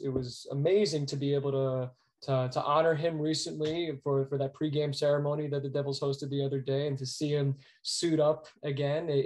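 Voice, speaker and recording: An American sports arena announcer, appearing as an interview guest, tells stories in a conversational way. He's earnest and emphatic, often repeating words, and his voice is a little high with a darkish tone.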